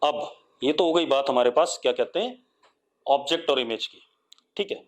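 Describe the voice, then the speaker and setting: A man with an Indian accent teaches a live online physics lesson. He coaxes his students with repeated questions and waits for their answers. He dictates definitions slowly, word by word, in English. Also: medium pitch, animated.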